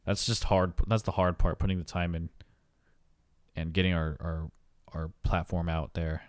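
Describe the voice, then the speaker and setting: Deep-voiced man, casual podcast host. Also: flat delivery, normal speed, no echo, studio quality. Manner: rambling, repeats words, swears casually. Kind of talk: casual chat.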